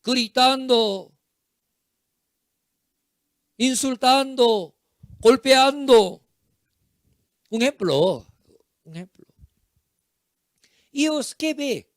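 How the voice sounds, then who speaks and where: A man preaching a sermon as pastor, in short halting phrases with simple, non-native grammar and frequent repetitions. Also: very high-pitched, animated, dry recording, clean studio sound.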